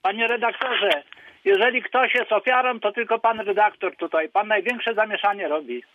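A man's voice: high-pitched, moderate pace, a little hiss or hum. A man calling into a radio show over a landline phone, scolding and accusing the host. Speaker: radio caller. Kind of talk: call-in radio. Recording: tinny phone line.

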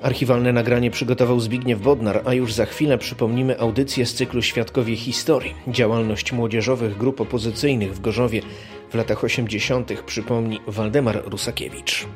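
A man's voice: medium pitch, steady tone, brisk. A man delivering scripted narration for a radio history documentary. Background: music.

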